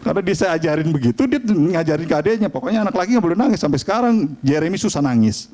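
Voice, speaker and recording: Lively middle-aged pastor, slightly high. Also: male voice, very fast. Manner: animated storytelling, chatty and humorous. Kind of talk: sermon.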